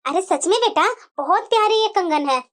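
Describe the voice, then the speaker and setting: A woman voicing a scheming, scolding mother-in-law in a cartoon drama, shrill and melodramatic. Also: expressive, moderate pace. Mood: coaxing.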